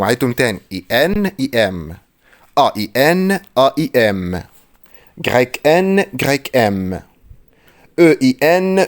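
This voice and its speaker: A man with an Egyptian Arabic accent teaching French pronunciation, drawing words out slowly and quizzing the listener. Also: medium pitch. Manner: drills words slowly, asks the listener questions. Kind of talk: pronunciation lesson.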